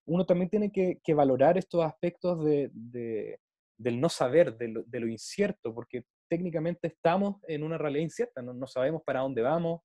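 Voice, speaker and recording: Earnest man, mellow, fairly high voice. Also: normal speed, no echo. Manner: earnest, wordy, repeating small linking words. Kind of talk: reflective casual conversation.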